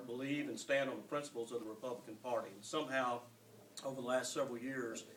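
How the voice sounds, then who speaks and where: A man, a political candidate giving an earnest, measured, businesslike campaign speech. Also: mid-range voice, far from the mic. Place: large room at a public forum. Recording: echoey hall, picked up from afar, faint noise.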